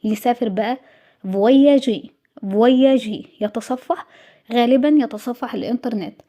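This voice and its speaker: A woman's voice: a little high, brisk, dark tone. An Egyptian woman teaching French vocabulary in a review lesson, patient and repetitive, saying each word twice. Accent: Egyptian Arabic.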